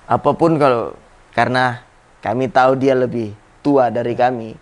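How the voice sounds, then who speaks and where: A man's voice: mid-range voice, steady tone. A man in his thirties, a former football captain, reflectively telling stories as an interview guest. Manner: reflective, halting with restarts. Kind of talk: casual interview storytelling.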